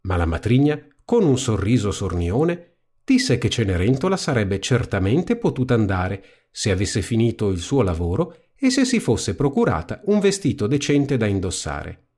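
A man reading a fairy tale aloud as storybook narration, in an expressive, lively manner. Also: on the low side, moderate pace.

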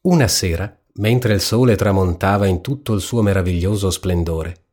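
A man reading a fairy tale aloud in a calm, measured storytelling manner. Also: low voice, breathy edge. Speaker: narrator.

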